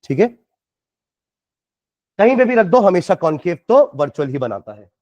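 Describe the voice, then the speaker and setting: A man's voice: high voice, sing-song, moderate pace, darkish tone, no echo, highs cut off. A man with an Indian accent teaching science, working through problems step by step and quizzing his students. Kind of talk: classroom lecture solving problems.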